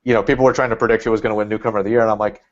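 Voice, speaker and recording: On a lo-fi, dull-sounding recording, a male podcast guest who supports the Red Bulls chats casually. His voice sits fairly low with little pitch movement, and he talks rapid-fire while rambling, thinking aloud, and using lots of fillers.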